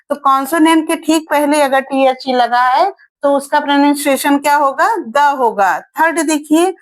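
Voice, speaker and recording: A woman's voice: high-pitched, poor audio. A woman teaching English grammar in a lesson video, repeating key points and asking and answering her own questions. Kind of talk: explanatory lesson.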